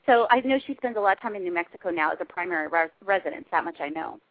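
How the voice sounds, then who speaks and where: A woman's voice: fairly low pitch, animated, very fast, no echo. A woman from Southern California in her forties, a guest life coach chatting on a radio interview. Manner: chatty, laughing, explaining. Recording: phone line.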